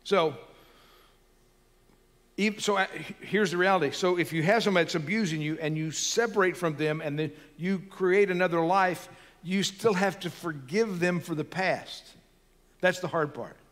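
A man's voice: high-pitched, normal speed, fairly bright tone, long reverb tail. A man preaching a sermon as pastor, earnest and building to emphatic peaks.

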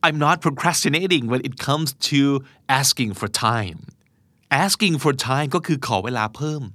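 A man hosting a podcast, giving a casual spoken English vocabulary lesson, chatting and then slowing down to spell and repeat words. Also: a little high, expressive, pushed and bright, no echo, studio quality.

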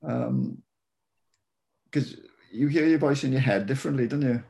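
A man's voice: medium pitch, normal speed, gravelly, darkish tone. A Welsh man, an author being interviewed, chatting casually and hesitantly with a Welsh accent. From Wales. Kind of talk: casual chat.

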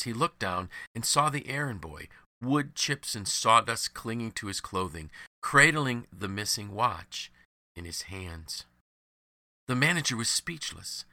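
A man reading a devotional story and its moral in a measured, earnest storytelling manner. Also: medium pitch, animated, bright, forceful tone, no room sound, clean studio sound. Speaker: devotional narrator.

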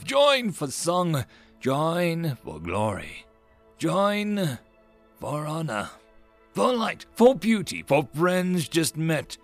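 A man voicing a regal elven queen who calls her subjects to war in a grand, declaiming speech with drawn-out words. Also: a little high, fairly bright tone, pitched above the performer's own voice, full character voice.

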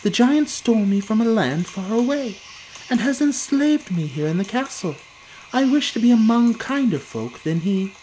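A storyteller voicing a gentle, sweet-voiced magical golden harp with a female character in a children's story. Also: mid-range voice, lively intonation, normal speed, a little hiss or hum, voice pushed up, lightly acted, low-quality recording. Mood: pleading.

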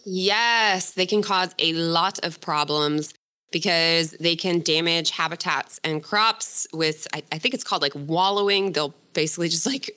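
A woman with a bright, clear voice tells a story in a relaxed podcast chat. She keeps it loose and friendly, breaking off to laugh and fix her own words. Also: on the low side, unhurried. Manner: chatty, self-correcting, laughs often. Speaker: co-host presenting a story.

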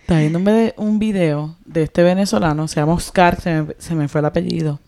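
A woman's voice: fairly low pitch, brisk. Chatty woman podcaster. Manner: chatty storyteller, animated retellings. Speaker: podcast co-host. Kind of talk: casual chat.

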